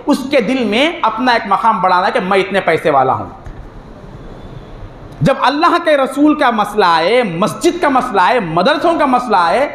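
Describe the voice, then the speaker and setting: A man's voice: very high-pitched, fairly bright tone. A male preacher, delivering a religious sermon full of rhetorical questions, recorded in a mosque hall. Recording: echoey hall with faint noise.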